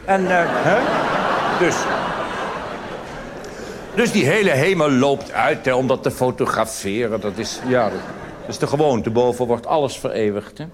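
Speaking unhurriedly and pausing often, a Dutch cabaret artist with a mid-range voice gives a live comic monologue on a theatre stage. His style is conversational and meandering, with asides and tag questions, captured in a noisy old live theatre recording.

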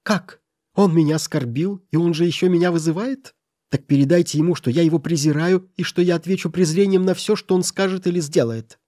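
Brief: man reading an indignant male clerk, raised higher pitch, outraged. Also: fast talker, dark tone, natural voice.

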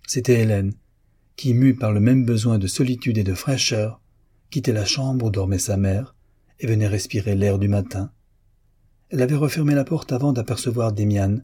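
A man narrates a classic novel as an audiobook, telling the story in a measured, even manner. His voice is on the low side and husky.

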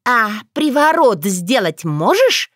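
A woman putting on a shrill, indignant village girl. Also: big pitch swings, slow, no echo, clean studio sound, exaggerated voice. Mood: pleading. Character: brash jealous young village girl. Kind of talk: audiobook character voice.

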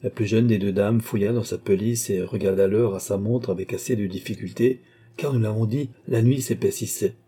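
A man reading a classic novel aloud in measured storytelling narration. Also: fairly low pitch, fairly even intonation, dark tone, slightly rough. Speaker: audiobook reader. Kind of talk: scripted literary narration.

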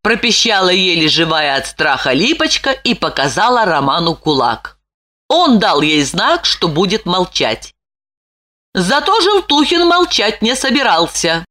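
A woman narrating an audiobook in an expressive way. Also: lowish voice, a little slow. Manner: expressive, lively.

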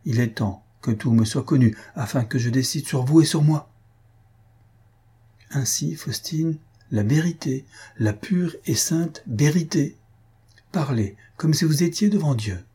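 A man's voice: medium pitch, animated, measured pace, mellow, slightly rough, pitched above the performer's own voice. A man reading an audiobook, voicing a passionate, desperate young count with an impassioned, pleading delivery. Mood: earnest.

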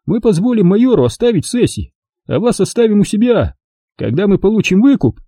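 A man's voice: high-pitched, sing-song, brisk, mellow, no echo, clean studio sound, voice pushed up, exaggerated voice. A man voicing a blunt, businesslike male kidnapper who speaks in a matter-of-fact way.

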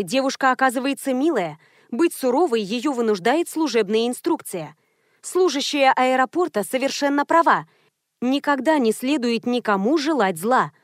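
A woman reading a first-person audiobook in a lively, ironic storytelling manner. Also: on the high side, no room sound, clean studio sound. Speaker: audiobook narrator.

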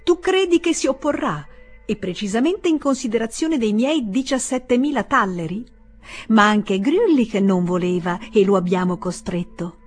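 A woman reader voicing a proud, indignant young woman who speaks in a shrill, outraged and emphatic way. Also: animated, moderate pace, breathy edge, faint music behind.

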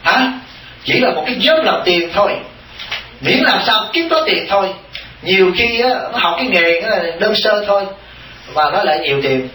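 Man, Buddhist monk, animated sermon, fairly high voice, echoey temple hall. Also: moderate pace, distant mic, a little hiss or hum. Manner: animated, teasing, addresses audience directly. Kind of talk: dharma talk sermon.

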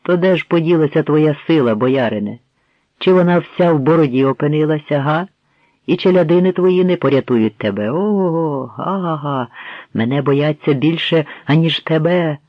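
A man's voice: animated, slow, slightly rough, no echo, heavily acted. Man voicing a defiant young swordsman. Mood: mocking. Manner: bass shouts, mocking. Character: reckless young bridegroom swinging a sword, defiant. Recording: tinny phone-like dry sound.

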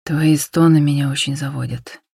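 A calm, tender male lover speaks in a quiet, husky murmur, unhurried and reassuring, voiced by a woman narrating an audiobook. The voice sits low and the sound is dry and close, with no room around it. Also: dry recording, exaggerated voice. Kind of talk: audiobook reading.

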